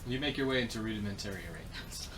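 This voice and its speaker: A man's voice: fairly low pitch, lively intonation, rapid-fire, recorded from a distance, very noisy. A man running a tabletop game as dungeon master, with exasperated, joking banter.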